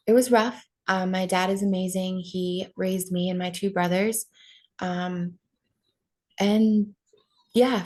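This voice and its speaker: A young woman in her 20s from Maine, USA, tells her life story as a podcast guest in a personal interview. She's candid and uses lots of ums and likes, speaking with a medium-pitched voice of darkish tone.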